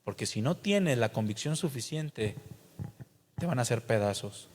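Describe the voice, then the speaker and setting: A man's voice: mid-range voice, lively intonation, normal speed, darkish tone, long reverb tail, slight background noise. A pastor with a Mexican accent preaching a sermon, emphatic and speaking straight to his congregation. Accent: Mexican Spanish.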